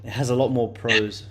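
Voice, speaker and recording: This late-twenties man hosting a day-trading livestream chats loosely with viewers, leaning on fillers and repeated words. His mid-range voice is a bit bright, with some vocal fry.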